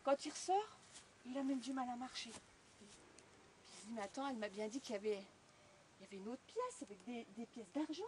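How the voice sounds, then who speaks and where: A woman's voice: fairly high pitch, quick pace, a little hiss or hum. A woman telling a fairy tale aloud to a live audience, talking straight to her listeners. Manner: animated, addresses listeners directly. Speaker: storyteller. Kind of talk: live oral storytelling. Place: outdoors on a storytelling walk.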